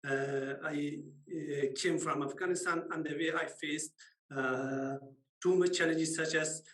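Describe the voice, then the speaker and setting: A man's voice: fairly high pitch, fairly even intonation, unhurried, fairly bright tone, reverberant, low-quality recording. A man speaking as a guest on a video call, hesitant, with many fillers and non-native phrasing.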